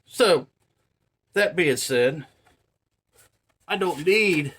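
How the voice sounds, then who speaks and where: A man's voice: on the high side, lively intonation, very slow, fairly bright tone, breathy edge. Chatty rambling man in his forties. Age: 40s. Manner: chatty, filler-heavy, says "man" and "you know" a lot; earnest, marvelling emphasis. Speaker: vlogger. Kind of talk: casual rambling monologue.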